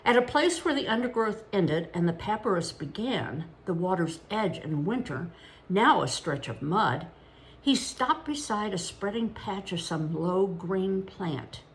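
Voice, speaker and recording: An older woman reading a chapter book aloud at a gentle, unhurried pace, correcting herself now and then. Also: medium pitch, animated, a little hiss or hum, rough recording. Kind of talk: storybook read-aloud.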